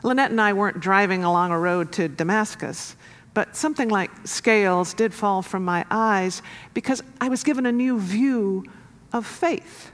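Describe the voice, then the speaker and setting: A woman pastor delivering a sermon in a measured, earnest way, building to emphatic rises. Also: medium pitch. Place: church sanctuary. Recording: long reverb of a church hall.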